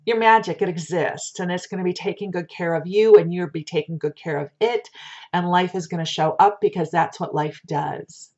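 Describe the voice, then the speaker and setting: Low-voiced woman, fortune-teller style card reader. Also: moderate pace, darkish tone. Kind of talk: casual spiritual card reading in the manner of a fortune teller. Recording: dull lo-fi sound.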